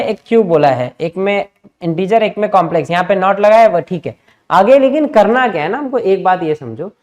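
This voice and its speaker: A man's voice: high-pitched, darkish tone. Male maths teacher, exam-prep lesson, explaining step by step, English terms mixed in. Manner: explanatory, keeps calling students "kids", mixes English terms in.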